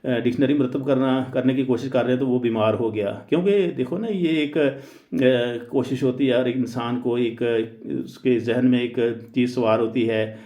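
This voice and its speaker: A man teaching in a deliberate lecture, pausing often on "uh" and mixing English phrases into his speech. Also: medium pitch, dark tone. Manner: deliberate, hesitant with frequent "uh" fillers. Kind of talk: explanatory lecture. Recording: roomy, dull lo-fi recording.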